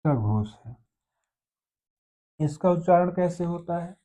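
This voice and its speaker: A man teaches a grammar lesson step by step, posing questions and answering them himself. His voice is a little high, expressive, and dark in tone, and he takes it slowly on a dull, lo-fi recording.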